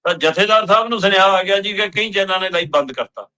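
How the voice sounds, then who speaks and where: A man's voice: high-pitched, quick pace, bright, forceful tone. A man giving emphatic political analysis on a talk show, pressing pointed questions.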